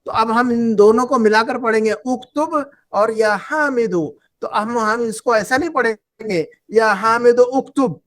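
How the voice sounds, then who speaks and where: A woman's voice: a little high, a little slow, hardly any pauses. Casting note: a patient woman teacher, repetitive, keeps asking the class questions, classroom lesson. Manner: repetitive, drills students with questions. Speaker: Arabic teacher.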